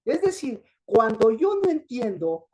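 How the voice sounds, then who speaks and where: Woman preacher, high voice, mellow tone, sermon style with repeated questions to the congregation. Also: very animated, unhurried, slight background noise. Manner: asks the congregation questions and answers them herself; repetitive, emphatic.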